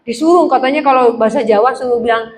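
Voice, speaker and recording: A woman pastor preaches with a high, lively voice and a humorous touch. She acts out the voices in her stories. The sound is roomy, with a long church-hall reverb and faint ambience behind her. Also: quick pace. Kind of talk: sermon with personal stories.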